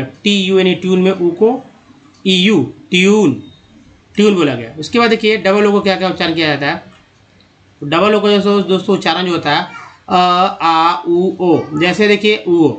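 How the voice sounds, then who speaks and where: A man with an Indian Hindi accent teaches English reading to learners. His voice sits high for a man. He reads each word slowly, drawing it out and repeating it. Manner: slow drawn-out word readings, repeats words.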